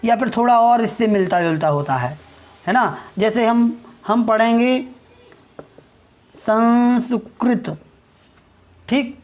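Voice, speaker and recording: A woman from India, teaching a pronunciation lesson in a slow, explanatory way and often checking in with her listeners. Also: on the high side, a little mellow. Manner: spells out and drawls sounds for demonstration.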